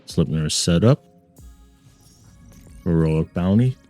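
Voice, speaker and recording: A man's voice: low-pitched, animated, slow pace, dark tone, faint music behind. A man hosting a gaming channel, giving playful gameplay commentary and repeating his catchphrases, recorded at a desk mic in a home gaming setup.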